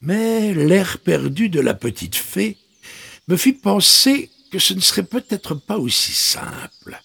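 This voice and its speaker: A man narrating a children's story in an expressive way, with incredulous asides. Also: sits high, slow, creaky, slightly rough.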